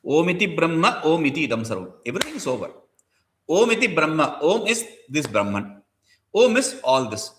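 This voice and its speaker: Man, scripture lecture, lively up-and-down pitch, bright tone, mixes chanted Sanskrit with explanation. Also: fairly quick, a little hiss or hum. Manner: explains each Sanskrit term in English, chants verses.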